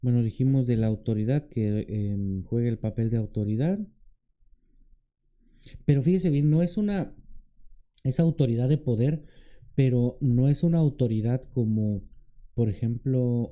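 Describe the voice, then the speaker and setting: A man's voice: unhurried, long pauses, warm tone, lo-fi sound. A man serving as a deacon, preaching a conversational sermon that often turns to questions for the congregation and acts out quoted lines in a raised voice. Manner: acts out quoted pleading in a higher voice.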